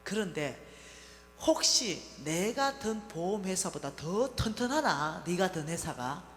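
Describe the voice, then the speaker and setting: A woman voicing her elderly, devout and stubborn mother, speaking low and earnestly in quoted dialogue within a sermon. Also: big pitch swings, slow, soft background music. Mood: insistent. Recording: echoey church hall, faint hum.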